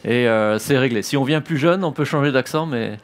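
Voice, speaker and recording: A man in his fifties from northern France, speaking with a French accent in a mid-range voice, gives his testimony in church as a military chaplain. He is hesitant, pausing often, with many "euh" fillers and restarts.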